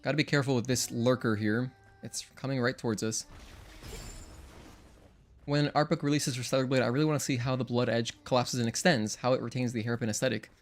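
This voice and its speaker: A young streamer whose first language is Spanish talks casually to viewers while playing a game, in a mid-range voice with a steady tone and a brisk pace. Faint music plays behind him. He's chatty, thinks out loud, and counts his combo hits.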